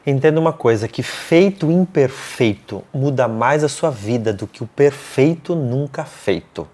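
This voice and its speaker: A man's voice: mid-range voice, expressive, measured pace, a little mellow. A man with a Brazilian accent, co-hosting a casual motivational talk, speaking emphatically and repeating short punchy slogans. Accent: Brazilian Portuguese.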